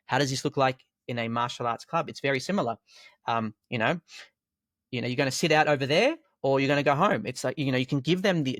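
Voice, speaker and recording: A man who teaches school and martial arts, explaining classroom discipline in a calm, storytelling way with rhetorical questions. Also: mid-range voice, no echo, clean studio sound. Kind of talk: conversational podcast explanation.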